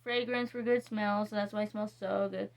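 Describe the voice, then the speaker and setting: A woman talks through a soap review in a loose, casual way. She reads ingredient names slowly and wanders between thoughts, stopping and restarting often. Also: mid-range voice, steady tone, creaky. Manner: rambling, reading ingredients slowly, with many fillers and restarts. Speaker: vlogger reviewing soaps. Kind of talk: casual product review chat.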